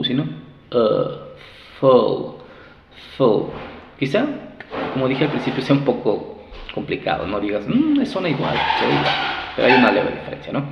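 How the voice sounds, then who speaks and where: A man teaching pronunciation, patiently explaining and drilling sounds with slow, exaggerated repetition. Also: mid-range voice, slight background noise. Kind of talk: pronunciation lesson. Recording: echoey roomy sound, dull lo-fi.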